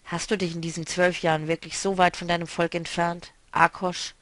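A man's voice: fairly high pitch, level tone, moderate pace, a bit bright, no echo, close to an everyday voice. A man reading a novel aloud, voicing a stern, mocking woman who speaks firmly and decisively. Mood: determined.

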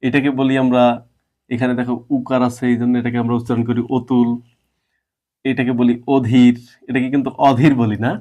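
A man's voice: medium pitch, level tone, fast talker, darkish tone, dull audio. A man teaching a grammar lesson, who explains step by step and quizzes his students.

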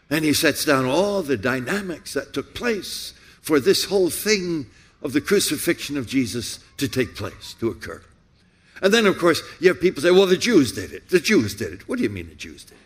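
A pastor preaching a sermon, asking repeated rhetorical questions with building emphasis. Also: male voice, medium pitch.

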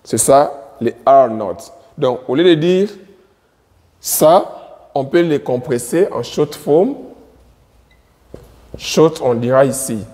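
Slow-talking man teaching at a board. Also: mid-range voice, animated, dark tone, long reverb tail. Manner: drills words by repeating them slowly. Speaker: English teacher. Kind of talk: slow classroom explanation at a board.

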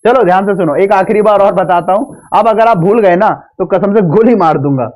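Speaking fairly quickly in a high, slightly mellow voice, a man covers English grammar for an online exam-prep class with English mixed into his speech. He keeps repeating the rules, playfully teases and scolds his students, and asks them to respond with yes.

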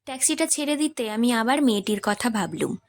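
A woman narrating a literary short story as an audiobook, in a measured, expressive reading. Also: on the high side.

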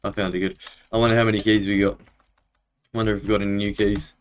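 Low-voiced man with a broad Kiwi accent. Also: level tone, fast, clean tone. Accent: New Zealand. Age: young adult. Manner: laid-back, slangy. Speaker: game streamer. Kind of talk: casual chat while live-streaming a game. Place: small indoor room at home.

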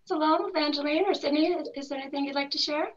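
A woman's voice: high voice, fast. A woman hosting an online lecture Q&A, friendly and coaxing the attendees to speak up. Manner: friendly, coaxing participants to chime in. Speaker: host of a lecture series. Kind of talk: moderating a Zoom Q&A. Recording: dull lo-fi video call audio.

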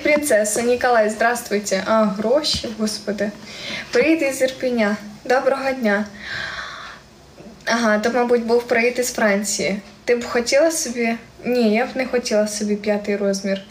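A young woman from Ukraine speaking with a central Ukrainian surzhyk accent, chatting casually on a live stream and reading viewer comments aloud with frequent giggles. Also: fairly high pitch. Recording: echoey room with faint ambient noise.

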